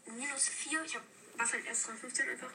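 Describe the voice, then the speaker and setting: A woman giving quick play-by-play commentary on her own match, heard as low-quality stream audio played back from a video. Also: steady tone, gravelly, background noise. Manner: quick play-by-play narration with fillers. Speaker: gaming video creator. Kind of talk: casual gameplay commentary.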